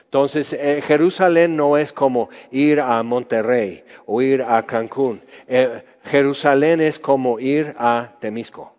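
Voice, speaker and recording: A man's voice: medium pitch, slow, a little mellow. A man preaching a Bible teaching, conversational, asking his listeners questions. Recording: muffled sound with long hall reverb.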